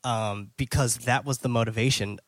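A man's voice: medium pitch, steady tone, normal speed, no echo. A man hosting a casual movie-review podcast, recapping a plot in a loose, filler-heavy way and swearing now and then. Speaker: podcast host.

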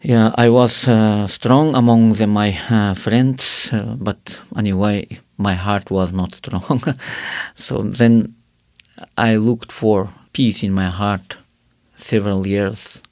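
A man from Karakalpakstan, Uzbekistan, gives personal testimony as an interview guest in halting, earnest English, which isn't his first language, using many fillers. His voice is gravelly, fairly low and darkish with fairly even intonation, recorded dry in a studio with no echo.

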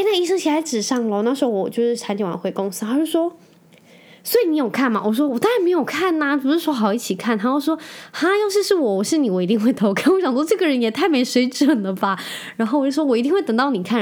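A woman in her thirties talks casually on her own podcast. She tells a family story with animated, chatty energy and playfully acts out the voices of the people she quotes. Her voice sits at an ordinary middle pitch for a woman. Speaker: podcast host. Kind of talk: casual solo chat.

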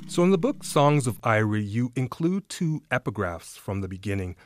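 A man interviewing an author, relaxed and affirming, with frequent short "mm" responses. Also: mid-range voice, normal speed. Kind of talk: conversational interview.

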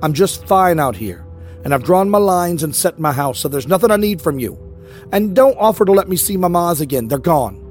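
A man voicing a defiant, teasing young witch girl in a raised, quick voice. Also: high-pitched, animated, darkish tone, soft background music, voice pushed up.

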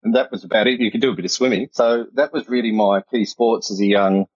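A man's voice: lowish voice, fast talker, husky, no room sound, lo-fi sound. A man in his fifties with an Australian accent, a chatty, rambling guest telling stories over a video call. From country New South Wales, Australia. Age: 50s. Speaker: guest coach. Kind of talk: casual interview.

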